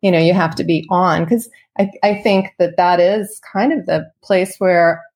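A woman's voice: lowish voice, steady tone, normal speed. A woman guest on an interview show, a stylist, answering in a reflective, easygoing way. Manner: warm, reflective, with fillers and light laughs. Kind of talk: casual interview chat.

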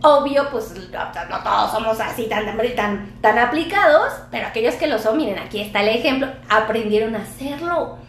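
Woman, Mexican accent, high voice, chatty and playful, live-stream host, echoey room, faint background noise. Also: lively intonation, normal speed. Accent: Mexican Spanish. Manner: chatty, playful, laughs often. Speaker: doctor hosting a live stream. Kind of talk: casual live-stream chat reading viewer comments.

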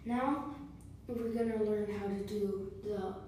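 Speaking slowly in a medium-pitched, steady, dark voice, a young woman walks through the basics of beatboxing on her own podcast. She is chatty, repeats herself, and self-corrects, and the recording sounds distant and echoey with faint noise.

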